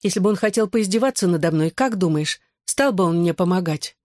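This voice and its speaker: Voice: mid-range voice, lively intonation, fairly quick, no echo, studio quality, natural voice. A reader voicing a shy, flustered teenage girl in an audiobook. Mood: earnest. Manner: soft and hesitant. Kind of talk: audiobook dialogue.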